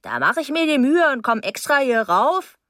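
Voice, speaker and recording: A woman's voice: high-pitched, big pitch swings, moderate pace, a bit bright, dry recording, clean studio sound, pitched above the performer's own voice. A woman voicing a nosy old landlady with heart trouble who nags and scolds while out of breath. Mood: nagging.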